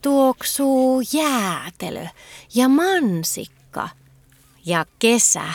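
A woman voicing a cheerful, excitable little girl in a children's story. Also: high voice, no room sound, voice pushed up, heavily acted. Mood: dreamy. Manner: bright, eager, squealing delight.

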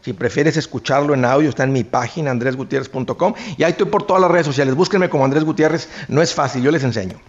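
A man's voice: mid-range voice, quick pace, hardly any pauses, highs cut off. A man, a finance guest giving advice in casual radio talk, acting out buyers and sellers. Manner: animated, acts out buyers and sellers.

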